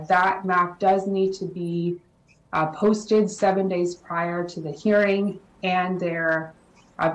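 A woman consultant giving a formal presentation to a city council, explaining plans in a measured way with frequent ums and uhs. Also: lowish voice. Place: council chamber. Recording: echoey chamber audio.

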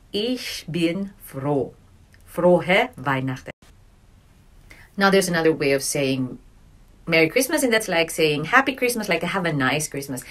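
A woman giving a casual video lesson on German holiday greetings, mixing in Tagalog words and slowing down to sound out German phrases. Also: fairly low pitch, a bit bright. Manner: chatty, mixes in Tagalog words, slows to spell out German. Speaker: German language teacher. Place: home, lockdown.

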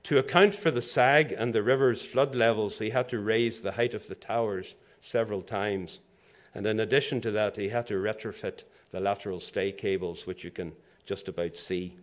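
This is a formal prepared speech: an older Zambian man's inaugural address as president of a professional institution, given from a lectern in a lecture hall. His lowish voice keeps a fairly even intonation, and his measured delivery is broken by dry asides.

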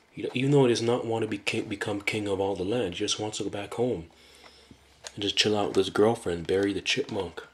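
A male game reviewer talks at a hushed level, keeping his voice down as he goes. His delivery is rambling, and he often breaks off sentences and starts them over as he reaches for the next thought. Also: on the low side. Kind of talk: casual video review.

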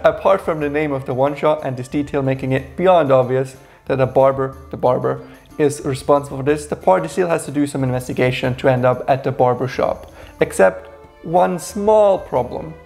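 A man in his thirties co-hosts a casual game review, telling the adventure's backstory with wry sarcasm in a small indoor room. His voice is mid-range with vocal fry and a darkish tone at normal speed, with soft music in the background.

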